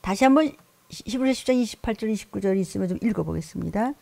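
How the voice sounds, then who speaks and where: A woman pastor preaching a sermon, swinging between loud scolding and hushed whispers. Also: mid-range voice, expressive, racing, gravelly.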